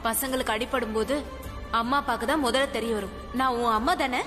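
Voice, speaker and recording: A high-voiced, anxious mother, voiced by a woman fusses over her hurt child in a dubbed TV serial. Her voice carries a long reverb, and soundtrack music runs underneath. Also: fairly even intonation, fairly quick, natural voice. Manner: anxious, fussing, scolding gently. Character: worried loving mother fussing over her hurt daughter. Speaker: dubbing actress. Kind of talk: Tamil TV serial dub. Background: serial background music.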